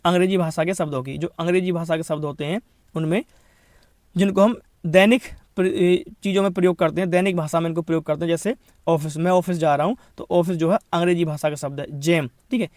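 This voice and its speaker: High-voiced man teaching grammar. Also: steady tone, darkish tone, no echo, clean studio sound. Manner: lists words rapidly, repeats "thik hai" as a check-in. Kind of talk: exam-prep video lesson.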